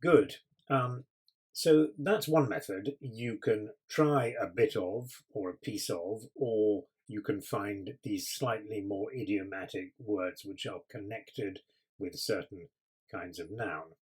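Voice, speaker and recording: A man's voice: fairly low pitch, slow, breathy edge, rough recording. A man teaching vocabulary, explaining patiently with frequent ums. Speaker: English teacher.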